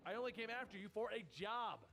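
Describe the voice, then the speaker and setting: A man voicing a manic, wisecracking male mercenary in a recapped game story, hyper and shouting jokes. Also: high voice, expressive, fairly quick, faint music behind, voice pushed up, heavily acted. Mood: taunting.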